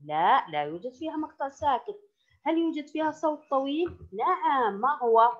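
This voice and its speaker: A woman schoolteacher leads a slow, careful reading lesson for small children, repeating each word so they can follow. Her voice sits fairly high and moves a lot as she stresses the words. The recording is a bit muffled. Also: animated. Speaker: primary school teacher. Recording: slightly dull lo-fi recording.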